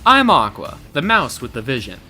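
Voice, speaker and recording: Highly animated, bright-voiced man narrating dramatically. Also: moderate pace. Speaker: show co-host. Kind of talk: scripted versus-show narration. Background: faint background music.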